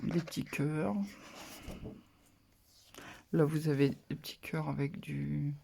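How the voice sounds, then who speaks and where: A papercraft channel host chatting casually through a haul of paper pads, relaxed and hesitant. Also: mid-range voice, slow, creaky, a little hiss or hum. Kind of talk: casual haul show-and-tell.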